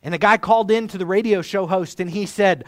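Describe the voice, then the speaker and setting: A man's voice: high voice, a little fast, no room sound, clean studio sound. A man preaching a sermon in an earnest, conversational way, like a pastor explaining scripture to his congregation.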